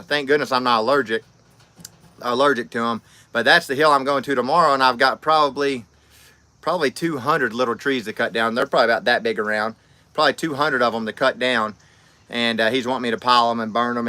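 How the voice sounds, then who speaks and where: A man in his 30s hosts a livestream, chatting casually and reading comments aloud in a rambling, friendly way full of fillers and restarts. His mid-range voice moves at a quick pace and sounds pushed and bright, with no echo.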